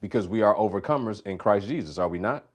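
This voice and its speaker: Guy hosting a live q&a, kinda low voice, preachy and emphatic, says stuff twice. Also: lively intonation, fast. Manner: emphatic, repeats key phrases; preacherly, faith-based coaching. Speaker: host. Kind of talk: live Q&A talk.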